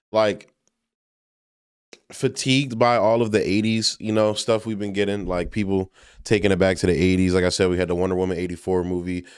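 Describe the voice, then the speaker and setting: A man reacts to and reviews music in a laid-back, slangy manner, heavy with fillers. His voice is on the low side with a clean tone, and the recording is dry with clean studio sound.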